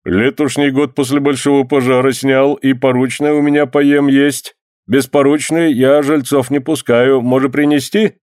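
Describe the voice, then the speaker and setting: A man's voice: mid-range voice, level tone, normal speed, darkish tone, no room sound, studio quality, voice pushed up, natural voice. A man voicing a careful, placating male village priest.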